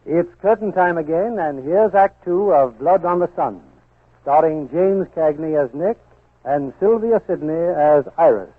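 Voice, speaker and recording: Through a muffled 1940s radio broadcast with music, an American host and announcer reads his script with theatrical polish. He speaks unhurriedly in a slightly high, husky voice.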